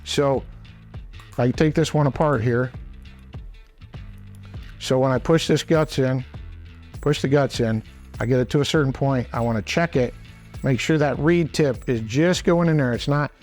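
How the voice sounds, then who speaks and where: A man's voice: medium pitch, unhurried, long pauses, a little mellow, faint music behind. A man instructing in a plain-spoken, practical way, explaining step by step in a conversational demonstration style. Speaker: instructor, hunting call expert.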